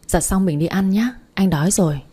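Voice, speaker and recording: A woman reading a story aloud, voicing a gentle, teasing young man who comforts his girlfriend, in a soft husky voice. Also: on the low side, a little fast.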